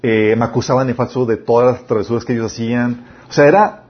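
A man's voice: mid-range voice, steady tone, quick pace. A young man with a Mexican accent, preaching a sermon to a youth group and telling stories from his own life straight to his listeners. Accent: Mexican Spanish. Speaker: youth pastor. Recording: dull muffled recording.

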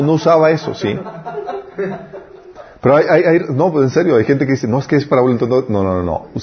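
A husky-voiced man leads a casual Bible class, talking conversationally and often asking the group to confirm what he says. The recording is muffled and lo-fi. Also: mid-range voice. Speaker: Bible teacher.

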